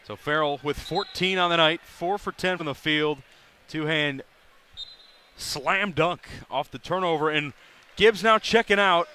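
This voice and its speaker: A man doing live play-by-play for a college basketball game, brisk and rising sharply on big plays. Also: on the high side, pushed and bright, smooth. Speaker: play-by-play announcer. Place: arena broadcast booth.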